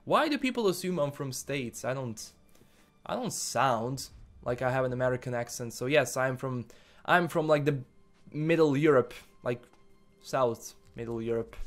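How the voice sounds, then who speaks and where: A man's voice: mid-range voice, moderate pace, soft background music. A man from Bosnia, hesitantly reviewing a game and answering viewer comments, full of fillers and repeated words. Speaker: gaming YouTuber.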